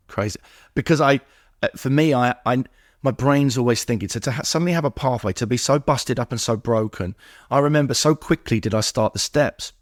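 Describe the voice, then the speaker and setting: An English middle-aged man, a podcast guest, tells a personal story in an interview at normal speed. His pitch is typical for a man, and the recording is dry, close, and free of echo. He acts out snippets of dialogue along the way.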